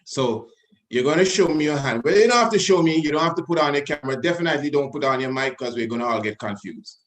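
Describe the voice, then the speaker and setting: A man speaking on a video-call webinar, leading the audience through an exercise in an animated, commanding way and repeating himself for emphasis. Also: a little high, fast talker. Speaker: webinar panelist.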